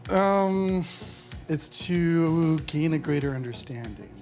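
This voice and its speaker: A game master narrates a tabletop adventure off the cuff. The delivery is casual and halting, in a middling pitch, with music playing behind. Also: lively intonation, a little mellow.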